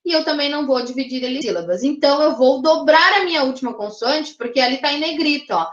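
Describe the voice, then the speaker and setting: High-voiced teacher in an echoey room. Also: female voice, animated, fast, a bit bright, dull audio. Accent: Brazilian Portuguese. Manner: explanatory, checks in with "tá?" and "né?". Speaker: English teacher. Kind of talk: online class lecture.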